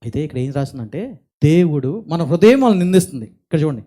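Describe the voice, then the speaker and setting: A male pastor preaching a sermon with emphasis, repeating his phrases and swinging between quiet stretches and forceful ones. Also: fairly high pitch, lively intonation, fast.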